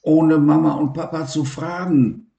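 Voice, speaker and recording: A timid, gentle young boy from a storybook, as a male reader puts him on, raised high above a deep gravelly voice. Heard in an echoey room. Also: steady tone, unhurried. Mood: worried. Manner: raised childlike pitch, anxious.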